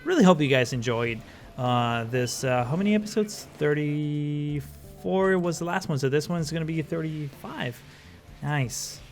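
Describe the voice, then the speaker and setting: A man's voice: a little high, a little slow, faint music behind. A man giving casual gameplay commentary as the host of his channel, rambling with many fillers and self-corrections.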